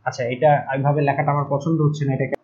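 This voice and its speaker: A young man teaching programming, explaining step by step and pausing to write things out and correct himself. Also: a little high, level tone, a little mellow. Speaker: ICT teacher. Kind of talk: recorded classroom lecture. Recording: dull lo-fi recording.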